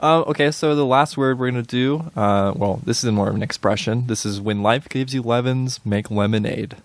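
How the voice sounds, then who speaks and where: A young man co-hosts a podcast in a casual chat, sounding hesitant with many fillers and restarts and laughing easily. His voice is medium-pitched at a normal speed, and the recording is dry.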